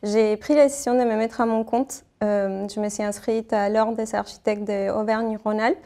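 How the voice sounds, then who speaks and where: Flat-voiced woman. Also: mid-range voice, moderate pace. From Argentina. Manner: hesitant, many fillers and restarts. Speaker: architect interviewee. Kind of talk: interview answers.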